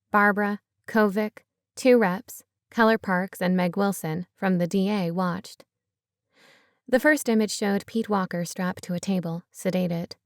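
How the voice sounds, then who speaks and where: A woman with a medium-pitched voice narrates a novel as an audiobook, reading scripted fiction in an even storytelling manner. The recording is clean studio sound with no room echo.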